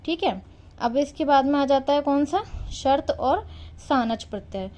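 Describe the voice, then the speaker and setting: Mellow woman teaching, self-quizzing. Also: high-pitched, animated, unhurried. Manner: asks questions then answers them herself; repeats key terms with ok checks. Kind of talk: explaining Sanskrit grammar lesson. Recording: dull lo-fi recording.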